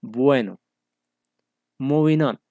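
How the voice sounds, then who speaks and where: Male language teacher, mellow, patient explainer over a dry video call. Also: mid-range voice, extremely slow, dry recording. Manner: patient, explanatory, with frequent fillers. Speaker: English teacher. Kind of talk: online class instruction.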